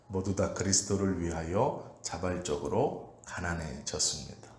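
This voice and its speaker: A male pastor preaching an early-morning prayer sermon in a calm, measured way, pausing often with "uh". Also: on the low side. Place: church sanctuary. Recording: echoey church room with faint ambient noise.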